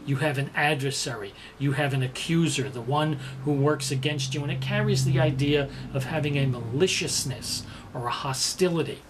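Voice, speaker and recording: A man's voice: fairly high pitch, normal speed, hardly any pauses, noisy background. A man preaching a sermon, explaining words and repeating the verse for emphasis. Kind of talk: sermon teaching.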